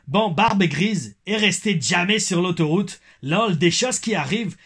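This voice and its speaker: A man's voice: high-pitched, animated, measured pace, fairly bright tone, breathy edge, voice pushed up, full character voice. A man putting on a hammy Québécois fan drawl. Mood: jokey. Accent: mock Québécois. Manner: exaggerated drawl, slips into other accents. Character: a cheerful Québécois male wrestling fan reading his comment. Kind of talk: comment read aloud in a put-on accent.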